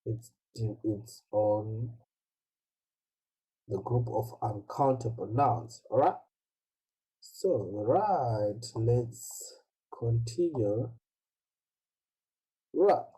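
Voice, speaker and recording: A man teaching an online English lesson, slow and patient, asking "right?" after nearly every phrase. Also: medium pitch, expressive, dark tone, husky, poor audio. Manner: slow, repeats "right?" constantly.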